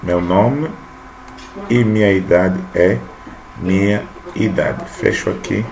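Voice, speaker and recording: Gravelly, low, and darkish, this man's voice moves slowly as he types code on screen during a recorded programming lesson. He's in his thirties and keeps asking "tá?" to check in, with noisy room sound around him.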